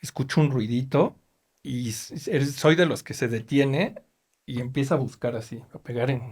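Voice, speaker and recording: A man's voice: medium pitch, normal speed, breathy edge. A middle-aged man with a Mexican accent, a chief mechanic telling stories in a casual interview and acting out the lines of other people. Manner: animated, acts out quoted dialogue. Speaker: race team chief mechanic.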